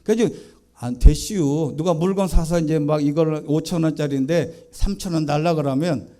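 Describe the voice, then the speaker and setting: A man's voice: fairly high pitch, fairly even intonation, a little fast, dark tone. A middle-aged man preaching a sermon as pastor, earnest, leading his congregation to repeat key phrases after him.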